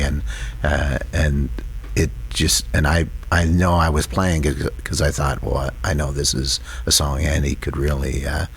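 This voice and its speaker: A songwriter reflects in a casual interview, his voice extremely deep and a bit husky. He rambles thoughtfully, circling his points with many fillers. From Canada. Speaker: band member, songwriter. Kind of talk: relaxed interview chat.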